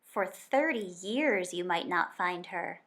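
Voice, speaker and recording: Her fairly low-pitched voice carries a children's nonfiction picture book as she reads it aloud like a teacher. She tells it expressively and with deliberate pacing.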